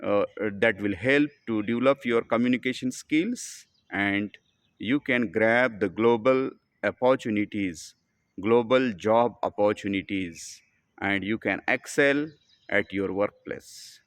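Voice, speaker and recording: An English teacher with an Indian accent gives a spoken English lesson in a lowish voice, with no echo. He uses slow, simple, deliberate sentences and often addresses the listener as "my dear friend."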